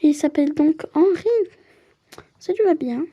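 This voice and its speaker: High, mellow-voiced woman narrating a game. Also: unhurried, dull audio. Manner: chatty asides mixed with story narration. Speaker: player and narrator of a story game. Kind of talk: casual playthrough with read-aloud narration.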